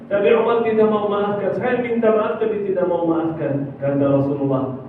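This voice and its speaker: High-voiced guy preaching, heard from far back, tinny and super echoey. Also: a little hiss or hum. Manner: animated, acts out dialogue, drawn-out chanted phrases. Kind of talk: sermon storytelling. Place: mosque hall. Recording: distant, phone-like, very echoey hall.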